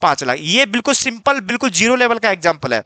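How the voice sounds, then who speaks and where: A man's voice: sits high, very animated, fast talker, sharp tone, no room sound. A man teaching an accounting class, coaxing and repetitive, quizzing his students and calling them dear. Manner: coaxing, repeats himself, quizzes students, calls them "beta". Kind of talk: classroom lecture.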